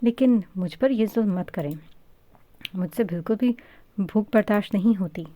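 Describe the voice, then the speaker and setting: A woman voicing a gentle middle-aged father who coaxes and pleads softly. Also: mid-range voice, lightly acted. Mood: coaxing. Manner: soft, pleading, playful.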